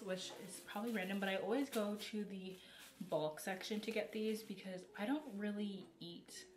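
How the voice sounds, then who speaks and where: A young woman chatting casually to camera at home as a vlogger, relaxed and full of likes and ums. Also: medium pitch, very noisy. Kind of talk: casual vlog chat to camera. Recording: roomy echo.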